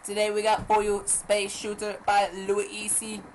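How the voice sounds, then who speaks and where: A woman's voice: medium pitch, monotone, normal speed, a little hiss or hum, close to an everyday voice, poor audio. A woman voicing an upbeat alien show host who speaks with an odd, altered timbre and breaks into robotic beeps. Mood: chirpy.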